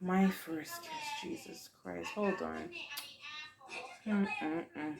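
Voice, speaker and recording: A woman in her forties with a Haitian accent, answering her daughter's questions in casual, expressive chat full of dramatic exclamations. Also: medium pitch, extremely slow, creaky, noisy background. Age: 40s.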